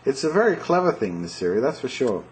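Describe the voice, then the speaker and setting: A man's voice: mid-range voice, very animated, fast, slight background noise. A man narrating a casual demo of a phone, chatting to viewers and repeating commands to it. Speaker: video maker demonstrating a phone.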